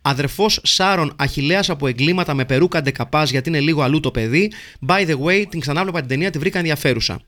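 Man, slightly high voice, podcast host, reading listener messages, playful, jokey. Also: fairly bright tone. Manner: playful, jokey delivery, rattling through name lists.

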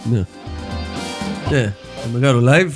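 A man co-hosting a laid-back film podcast in a mid-pitched voice. He laughs easily and keeps agreeing with quick interjections, over faint background music. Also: expressive. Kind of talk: casual comedic film chat.

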